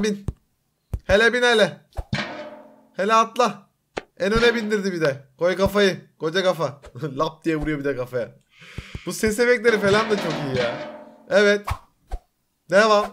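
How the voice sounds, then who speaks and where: A young man with a Turkish accent giving an excited reaction commentary, with loud exclamations, laughs and teasing slang. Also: high-pitched, background noise. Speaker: YouTuber reacting to an animation.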